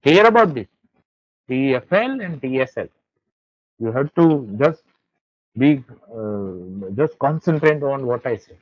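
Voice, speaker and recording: Unhurried and with long pauses, a teacher educator with a Gujarati-accented Indian English voice of medium pitch lectures a class with lively intonation. He repeatedly checks that everyone understands; the audio sounds dry, dull and lo-fi.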